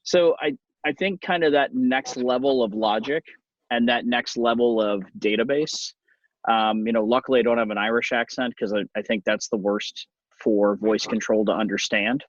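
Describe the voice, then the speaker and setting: Casting: middle-aged Californian-accented man, ordinary mid pitch, wry and rambling conversational delivery, close dry sound, slightly muffled. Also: steady tone, normal speed, dry recording. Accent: Californian American. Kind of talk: casual conversational talk.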